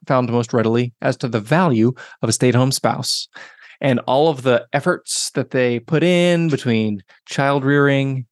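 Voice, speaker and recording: Soft-voiced man hosting a finance podcast. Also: medium pitch, no echo, studio quality. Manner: conversational, explanatory, with asides; soft evening radio DJ voice. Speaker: podcast host and financial advisor. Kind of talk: solo podcast talk. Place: home podcast room.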